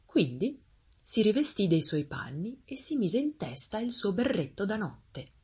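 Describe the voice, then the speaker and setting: Woman reading a fairy tale, kinda husky and low, really sing-songy and expressive. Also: a little slow. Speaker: storyteller.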